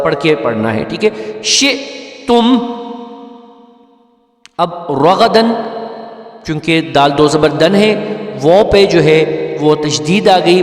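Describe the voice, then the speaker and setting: High-voiced man teaching recitation, echoey. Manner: patient, explains letter by letter, often checks "okay?". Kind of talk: step-by-step recitation lesson. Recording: echoey room with long reverb, faint music.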